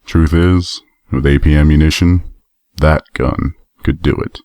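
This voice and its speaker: A man brings to life a battle-worn male pony soldier in heavy armor, heard in a storybook reading. His voice sits extremely deep and gruff, measured and somber. It is recorded close and dry. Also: steady tone, dark tone, no echo. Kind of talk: audiobook role reading.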